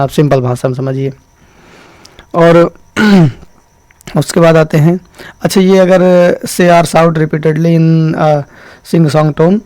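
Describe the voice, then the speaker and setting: A man teaching an exam-prep vocabulary lesson. He explains step by step, checks in often, and reads the English definitions slowly. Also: a little high, darkish tone, no echo. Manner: explains step by step, keeps saying "ṭhīk" to check in.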